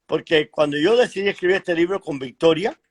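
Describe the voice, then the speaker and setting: A middle-aged man from Cuba, a guest author telling his life story in a frank, measured way over a video call, pausing and clearing his throat. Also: a little high. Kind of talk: conversational interview storytelling.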